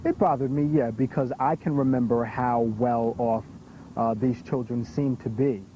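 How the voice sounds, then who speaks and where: Male interviewee, documentary; flat, careful, hesitant delivery, muffled audio with faint noise. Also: medium pitch, moderate pace. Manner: careful, searching for words. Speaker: interviewee with knowledge of the case. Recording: dull lo-fi recording.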